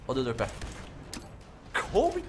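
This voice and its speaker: A young man giving casual, excitable commentary while playing a video game, yelping and shouting during fights. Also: medium pitch, background noise. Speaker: gaming YouTuber. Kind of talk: casual Let's Play commentary.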